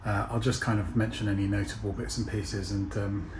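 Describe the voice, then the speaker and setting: A man's voice: fairly low pitch, fairly even intonation, a little fast, noisy background. A man talking casually to camera as a DIY vlogger, chatty and self-deprecating.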